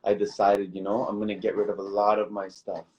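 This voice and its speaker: A man's voice: on the low side, completely flat delivery, brisk, a little mellow, highs cut off. A young man from Toronto, a guest recording artist, chatting in an easygoing, rambling way and calling the host bro and man. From Toronto, Canada. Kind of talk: casual interview chat.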